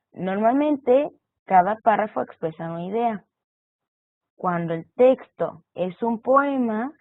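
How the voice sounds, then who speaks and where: A woman's voice: fairly low pitch, no room sound. A woman explaining punctuation and text structure as an online course teacher, walking through examples. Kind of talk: recorded online lecture. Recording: tinny phone-like audio.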